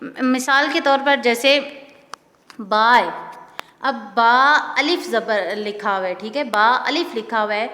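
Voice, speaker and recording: A woman teacher speaks very slowly and stretches every syllable as she drills letters one at a time. Her voice sits a little high. A long reverb trails behind her words. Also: sharp tone, slight background noise. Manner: drills each letter, drawing out words and checking understanding. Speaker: Quran reading teacher. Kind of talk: slow recited lesson.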